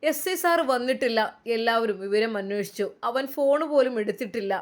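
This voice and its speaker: A woman's voice: fairly high pitch, fairly quick. A woman narrating a dramatic story with emotive, rising emphasis.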